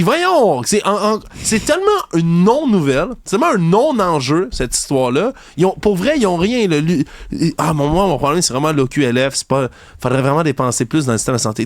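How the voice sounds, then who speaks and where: A commentary show host with a Québécois French accent gives a heated opinion rant on a news story, very animated but at a moderate pace. He is indignant and sarcastic, ridiculing opponents with high-pitched voices, and there is no echo.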